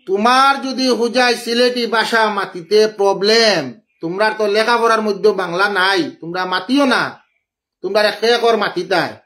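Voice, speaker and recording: In an angry live-stream rant on his phone, a man from Assam's Barak Valley speaks with a Sylheti Bengali accent in a high-pitched, bright, forceful voice at normal speed. He is indignant, scolds the person he is answering, and greets viewers by name.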